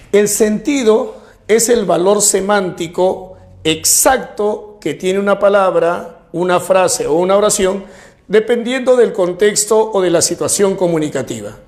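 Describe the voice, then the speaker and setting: A man with a high, light voice and a Peruvian Spanish accent teaches a recorded lesson. He goes through examples one at a time and slows down to read them out. He keeps checking that students follow with quick questions like "right?". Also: expressive, a little mellow. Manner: explains slowly with examples, checks understanding with tag questions. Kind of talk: recorded class lecture.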